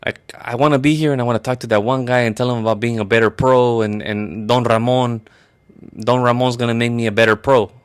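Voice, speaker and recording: A man's voice: medium pitch, steady tone, a little fast, smooth, close to an everyday voice. A man voicing a clumsy, hopeful male friar wrestler who talks in a whiny, rambling, profane way. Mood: earnest.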